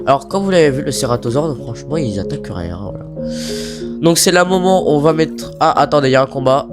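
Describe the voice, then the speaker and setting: Male gamer, lively, jumpy pitch, excitable play-by-play, music underneath. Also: fast. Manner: excitable, shouts and pleads at the game, swears casually. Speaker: YouTuber commentating his own gameplay. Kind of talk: casual gameplay commentary.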